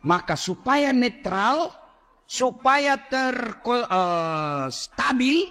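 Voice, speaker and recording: High, lively joking male preacher. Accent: Indonesian. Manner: jokey, acts out quoted voices, addresses audience directly. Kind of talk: humorous sermon. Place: mosque.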